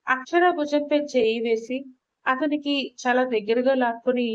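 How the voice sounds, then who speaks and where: A woman narrating an audio drama story in an expressive, dramatic way. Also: on the high side, no room sound, highs cut off.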